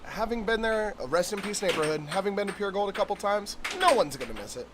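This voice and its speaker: A high-voiced man commentates on live sport with very animated intonation. He is casual and bantering, often tongue-in-cheek. There is clear noise in the room around him. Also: quick pace. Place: indoor venue during a live match. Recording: noisy room, clicks and door sounds.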